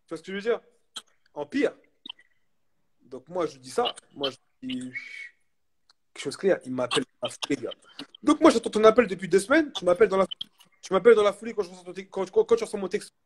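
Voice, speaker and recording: A young man chatting casually as a guest, telling a story in animated street slang and repeating himself for emphasis. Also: sits high, a little fast, pauses often, a little hiss or hum. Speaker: guest, basketball player.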